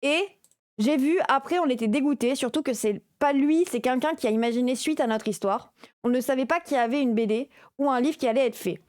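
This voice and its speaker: A young woman with a high, bright-pitched voice chats through a live-stream reaction, loose and full of fillers. She leans on sarcasm as she comments. The sound is dry and close, with no room around it. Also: brisk, dry recording. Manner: sarcastic, chatty, many fillers.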